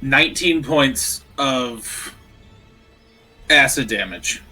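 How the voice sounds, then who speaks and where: Male game master on a voice call, bright voice, choppy audio that keeps dropping out. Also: mid-range voice, expressive, very slow, faint music behind, poor audio. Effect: choppy audio that keeps cutting out. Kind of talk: running a tabletop game online. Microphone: online voice call.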